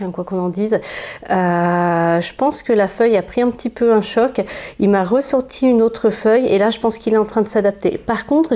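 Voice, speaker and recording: A woman's voice: mid-range voice, warm tone. A woman with a French accent, chatting enthusiastically in a casual plant vlog at home, with frequent fillers. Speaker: plant vlogger. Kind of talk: casual chat. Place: home with houseplants, indoors.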